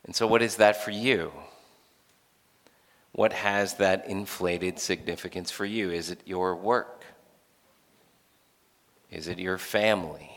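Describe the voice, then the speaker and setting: A man giving a sermon in a conversational way, moving between animated questions and quiet, hushed points. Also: sits low, vocal fry, long reverb tail. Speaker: preacher.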